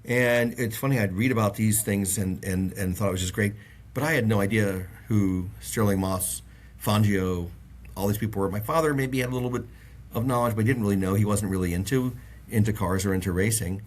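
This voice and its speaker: The speaker, a middle-aged auto industry guest from the Bahamas, has a lowish voice and a brisk pace. On a casual interview show, he rambles through long stories with many fillers and restarts.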